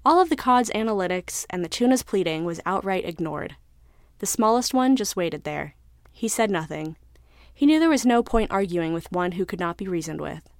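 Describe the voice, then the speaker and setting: A woman narrating a scripted story in a measured, even way. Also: mid-range voice, no echo, studio quality.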